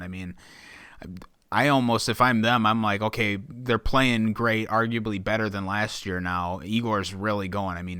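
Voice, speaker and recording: A man's voice: lowish voice, bright, forceful tone, clean tone, dry recording, studio quality. A man co-hosting a casual sports podcast, laying out points and steering the talk. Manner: steers the conversation, lays out points. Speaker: podcast co-host.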